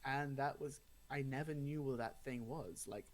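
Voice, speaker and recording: A man's voice: medium pitch, moderate pace. A young adult man casually telling a spooky personal story, acting out the dialogue as he goes. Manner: animated retelling with acted-out dialogue.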